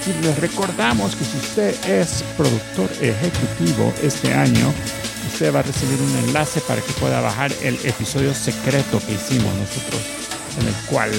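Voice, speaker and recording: A podcast host and producer with a gravelly, mid-pitched voice plays a playful ringmaster, grandly addressing his listeners at a normal pace and slipping in joking asides. Loud music plays beneath his voice.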